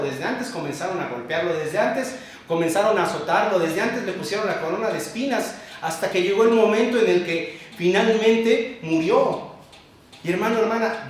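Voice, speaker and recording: A male pastor preaching a sermon, emphatic, with sudden drops to a low hush. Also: a little hiss or hum. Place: church sanctuary. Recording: very echoey church hall, mic far off.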